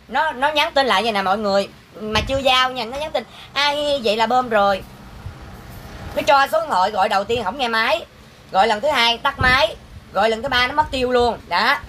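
Exasperated voice ranting. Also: female voice, a little high, brisk, slight background noise. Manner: exasperated, sharp-tongued, scolding. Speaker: vlogger selling goods online. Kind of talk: angry casual rant to viewers.

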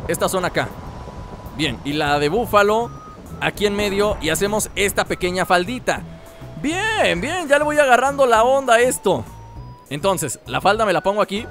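A man with a Mexican accent chats through a video game in a high voice that swings all over the place. He jokes with his viewers as he plays, and game music runs behind him. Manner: playful, jokey, talks to viewers while playing. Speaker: gameplay commentator. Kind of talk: casual gaming commentary.

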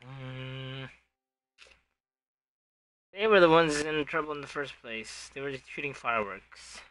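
A man's voice: medium pitch, unhurried, fairly bright tone, smooth. A man giving musing, reactive commentary while playing a video game. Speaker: let's play gamer. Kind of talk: gameplay commentary.

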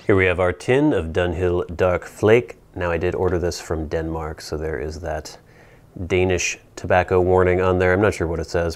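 A man in his thirties or forties giving an informal product review to camera, explaining in a measured, casual way with playful asides. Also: low-pitched. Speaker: pipe tobacco reviewer. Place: small indoor set with plain backdrop. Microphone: lapel mic.

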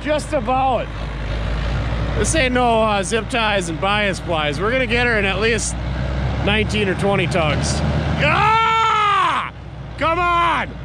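A man's voice: high-pitched, sing-song, takes it slowly. A man giving playful, joking commentary while fixing an old truck on a snowy farm yard, filmed on an action camera. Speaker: mechanic vlogger. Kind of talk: casual narration while working. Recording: loud engine and wind noise.

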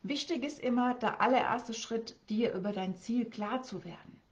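A woman's voice: on the high side, moderate pace, highs cut off. A woman speaking as a life coach on a live stream, asking viewers lots of questions and often repeating words and restarting her sentences.

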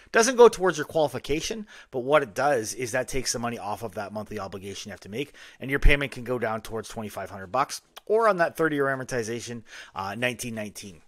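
A man in his forties, a mortgage agent, walking viewers through a screen share in a brisk, salesy, explanatory way. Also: medium pitch, fairly bright tone, dry recording, studio quality. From Canada.

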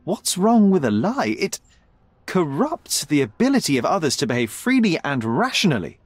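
In a dry recording, a man with a fairly high voice and huge pitch swings acts a video game cutscene at a moderate pace. He plays a young, brilliant detective who is cool, rational, and precise, with a slightly haughty, assertive, and dismissive manner.

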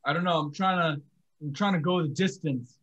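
A man's voice: on the high side, fairly bright tone, dull audio, close to an everyday voice. An improv performer playing a nervous, mumbling boxer who stammers and stumbles over his words in a comedy scene. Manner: stammering, halting.

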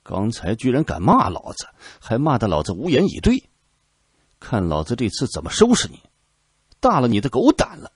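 A gruff, explosive army general from a storybook tale, roaring and cursing in a raised, husky voice that swings wildly up and down, as a male narrator puts him on. The voice is dry and close. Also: medium pitch, huge pitch swings, normal speed, dry recording, voice pushed up. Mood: gloating.

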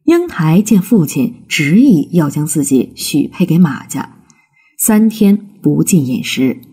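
A woman reading a classic folk tale aloud as a storybook narration, with slow, expressive delivery. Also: low-pitched, husky.

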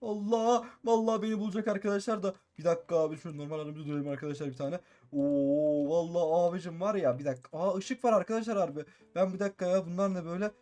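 A man playing a Minecraft role-play and commenting excitedly, repeating his phrases and constantly addressing viewers. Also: high-pitched, very fast, few pauses. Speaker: gaming YouTuber.

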